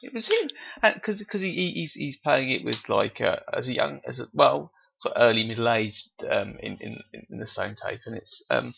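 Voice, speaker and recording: A man's voice: mid-range voice, animated, normal speed, creaky, hardly any pauses, slightly rough. A man co-hosting a podcast, chatting casually about old horror films, hesitant and full of restarts. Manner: hesitant, many restarts and fillers. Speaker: podcast co-host. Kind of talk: casual film discussion. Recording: dull lo-fi podcast audio.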